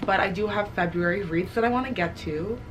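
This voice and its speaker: A woman's voice: mid-range voice, a little fast, slight background noise, low-quality recording. A young woman vlogging about her reading, reacting with gushing, emotional outbursts. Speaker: book vlogger. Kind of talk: casual reading vlog.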